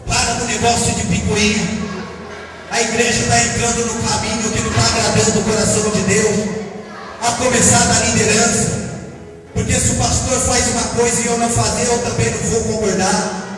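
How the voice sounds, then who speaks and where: A man preaching a Pentecostal sermon, shouting and chanting his exhortations. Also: very high voice, little pitch movement, fairly quick. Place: church. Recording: echoey church hall from far off, music and crowd.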